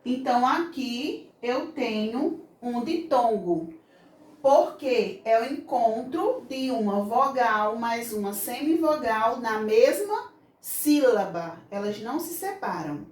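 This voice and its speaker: Slow, patient Brazilian woman teacher. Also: a little high, animated, darkish tone. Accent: Brazilian Portuguese. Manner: slow, patient explaining, voices children's questions. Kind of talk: children's grammar lesson. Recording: echoey room, mic far off.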